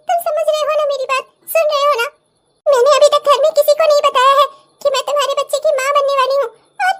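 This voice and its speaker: A woman's voice: very high-pitched, a bit bright. A woman voicing a panicked pregnant younger daughter, a college girl, in a dramatic cartoon, pleading frantically.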